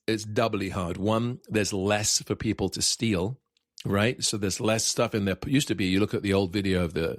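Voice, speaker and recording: Male host, casual rambling chat, mid-pitched voice, dead-dry recording. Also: dry recording, rough recording. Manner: rambling, repeats words. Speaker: podcast host.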